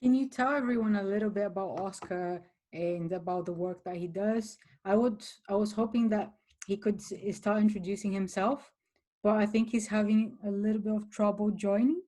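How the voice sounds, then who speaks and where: Woman hosting a call, friendly and quick, mid pitch. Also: mellow. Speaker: host. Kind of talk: casual video call chat. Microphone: video call.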